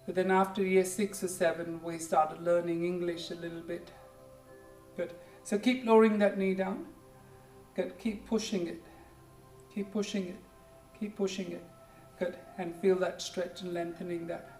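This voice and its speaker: A yoga instructor in their forties from India, whose first language is Hindi or Punjabi, speaks English with an Indian accent while leading a class and giving a pep talk. The mid-range voice is flat in delivery at normal speed, gentle and encouraging, repeating simple cues and saying "good" again and again. The room echoes, the mic is distant, and faint music plays.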